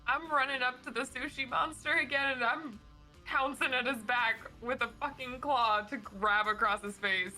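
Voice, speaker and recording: A woman's voice: high voice, normal speed, pushed and bright, faint music behind, poor audio. A woman playing a tabletop role-playing game, describing her moves bluntly and swearing casually. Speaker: player.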